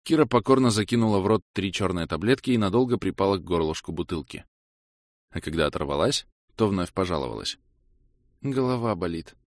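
Low-voiced male audiobook narrator. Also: fast, no room sound, studio quality. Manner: steady, matter-of-fact storytelling. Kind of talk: first-person audiobook narration.

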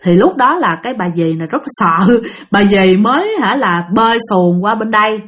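A woman with a Southern Vietnamese accent telling a ghost story to her listeners in a lively, chatty way, acting out the voices of the people in it. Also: medium pitch, normal speed. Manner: lively, addresses listeners directly, acts out voices. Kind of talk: spoken ghost story narration.

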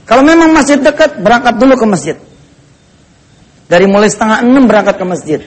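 A man's voice: very high-pitched, expressive, fast. A man preaching a dawn sermon, joking and teasing his listeners. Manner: joking, playful asides to the audience. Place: mosque.

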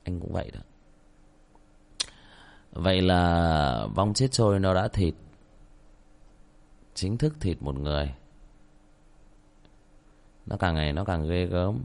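A man narrating a horror story as host, calling out loudly in the tense scenes. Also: low-pitched, slow pace, gravelly, pauses often. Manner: shouts out names during tense scenes. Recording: soft music behind the voice.

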